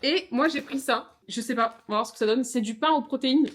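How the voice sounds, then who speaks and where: With a high-pitched, brisk delivery, a young woman from France records a casual travel vlog on a handheld camera, outdoors and in her hotel room by a lake. She gushes "trop bon" and says "euh" a lot, keeping things chatty and bubbly.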